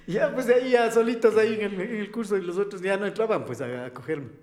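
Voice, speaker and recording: Animated man telling a story. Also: fast talker. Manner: acts out quotes with sudden high shouts and laughs. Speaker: comic actor, guest. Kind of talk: casual interview, animated storytelling.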